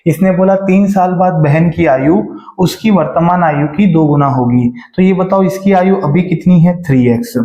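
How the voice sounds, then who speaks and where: A man with a voice on the high side but dark in tone teaches a math lesson for exam prep, recorded with reverberant, lo-fi sound. He goes step by step, often checking that students follow, and stretches key phrases slowly as he reads the question aloud.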